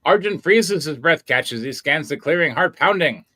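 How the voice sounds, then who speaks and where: A man reading screenplay action lines aloud at a script workshop in a dramatic, measured way. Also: on the high side, animated, bright, forceful tone, no room sound, clean studio sound.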